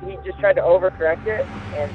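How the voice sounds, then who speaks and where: A young man in his twenties, from Virginia, rambling through a story over the phone. His voice sits a bit high for a man and comes through a thin, tinny telephone line. He talks loosely, full of "like" and restarts. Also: fast talker, over music. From Virginia, USA. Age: 20s. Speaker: guest surfer telling a story. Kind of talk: casual storytelling.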